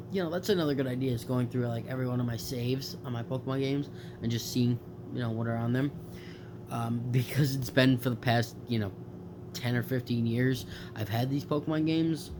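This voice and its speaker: Congested from allergies, this young gaming YouTuber chats loosely about video games late at night, wandering off track and constantly correcting himself between fillers. He speaks in a mid-range voice over a noisy background.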